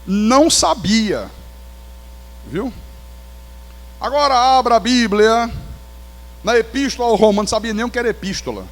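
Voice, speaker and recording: A Brazilian man preaching as a pastor, telling his testimony in an animated storytelling way with touches of humor. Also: very high-pitched, normal speed, long pauses, in a large hall. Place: church sanctuary.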